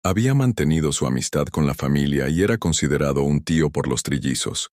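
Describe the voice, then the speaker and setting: A man narrating a sentimental scripted story in a measured, solemn way. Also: extremely low pitch, lively intonation, a little mellow, dry recording, clean studio sound.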